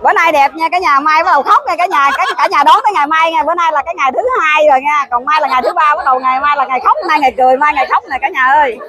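A woman's voice: sits high, racing, few pauses. A woman vlogger with a Southern Vietnamese accent, chatting casually to viewers at a crowded wedding feast, talking to her phone camera. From Mekong Delta, Vietnam. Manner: chatty, addresses viewers constantly. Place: crowded outdoor wedding party. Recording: noisy crowd behind.

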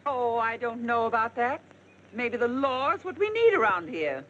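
A huffy, complaining neighbor. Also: female voice, fairly high pitch, expressive, normal speed, fairly bright tone, lo-fi sound, slight background noise. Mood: indignant. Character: indignant, fussy middle-aged woman neighbor. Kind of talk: 1940s film acting.

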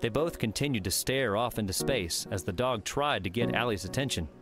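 A man narrating an audiobook in steady, even storytelling. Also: mid-range voice, a little fast, music in the background. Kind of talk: scripted narration.

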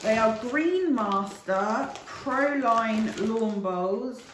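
A woman's voice: a little high, animated, drawn-out words, echoey room, noisy background. A British woman in her thirties, chatting casually to camera in a rambling, aside-filled way as a reseller vlogger. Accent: British English.

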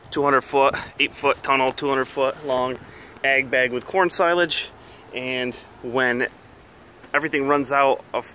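A man's voice: mid-range voice, pushed and bright. A middle-aged man, a plain-spoken farmer, giving a casual explanatory tour in a folksy way. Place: outdoors in a farmyard beside silos, partly inside a steel silo. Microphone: handheld camera or phone. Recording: noisy outdoor handheld camera audio.

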